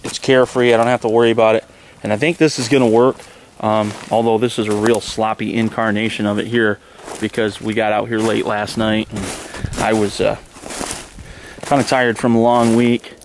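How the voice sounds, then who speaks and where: A man in his forties, relaxed and rambling with many ums and uhs, talking casually about camping in the snowy woods to a camera mic. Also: fairly low pitch, normal speed, a little hiss or hum. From Michigan, USA. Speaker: outdoor vlogger. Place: snowy woods outdoors, under a tarp shelter.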